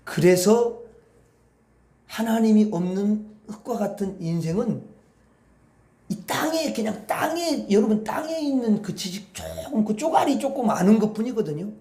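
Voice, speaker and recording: A male pastor with a very high voice preaches in a folksy, animated way, rambling and addressing the congregation directly. His sermon echoes around a roomy hall. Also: a little slow.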